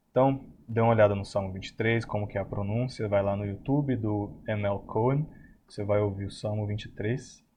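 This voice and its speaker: Brazilian guy teaching a lesson, lowish voice, repeats each sound slow and patient, bit of hiss, kinda dull audio. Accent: Brazilian Portuguese. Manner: patient, repeats vowel sounds aloud slowly. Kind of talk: online lesson on Hebrew pronunciation. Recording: slightly dull lo-fi recording with faint noise.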